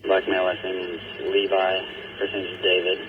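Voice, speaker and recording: A very deep, monotone male voice heard over a police radio scanner. He talks in terse, clipped radio codes, and the transmission is thin, phone-like and full of loud hiss. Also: normal speed. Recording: hissy, tinny two-way radio transmission.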